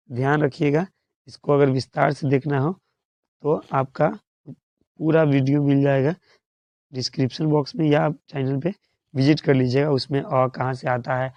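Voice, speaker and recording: Male tutor, mid pitch, repetitive question-and-answer drilling for exam prep, dry and dull lo-fi audio. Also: a little mellow, no room sound. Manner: repetitive call-and-response drilling, asks questions and answers them. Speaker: teacher. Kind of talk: exam-prep grammar lesson.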